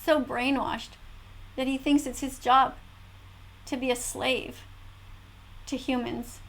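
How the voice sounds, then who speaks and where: A woman's voice: high voice, level tone, takes it slowly, a bit bright, rough recording. A woman giving earnest, emphatic, moralizing reaction commentary as an animal rights advocate.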